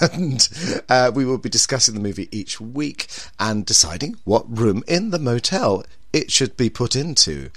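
Co-hosting a podcast as a drag queen horror presenter, a man gushes with campy, theatrical endearments through banter and a show introduction. His medium-pitched voice is expressive, a bit bright and a little slow, recorded dry.

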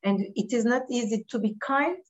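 Talking at a moderate pace in a slightly high voice, a middle-aged Turkish woman who leads a business responds to podcast interview questions. Her English, a second language, is earnest and direct with non-native phrasing and occasional restarts, and the sound is lo-fi.

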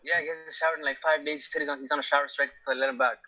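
A man's voice: on the high side, little pitch movement, very fast, bright, forceful tone, lo-fi sound. A young man teasing his friends in casual banter on a call.

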